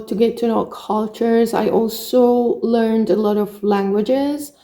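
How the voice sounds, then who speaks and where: A middle-aged woman from Romania with a Hungarian accent tells her personal story as a spiritual coach, speaking in earnest short phrases. Her voice is warm and on the high side.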